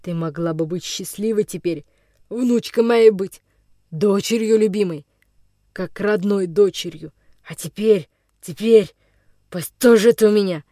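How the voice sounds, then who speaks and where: A woman voicing a coarse older male forest vagabond villain in an audiobook, with a rough, menacing, gloating voice. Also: medium pitch, unhurried, warm tone, dry recording, studio quality, lightly acted. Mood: hissing. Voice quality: rough, hoarse-edged voice. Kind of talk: audiobook character reading.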